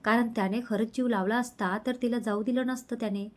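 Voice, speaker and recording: A woman's voice: a little high, steady tone, a little fast, natural voice. A woman reading the part of a jealous, frustrated young woman who complains irritably. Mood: irritated.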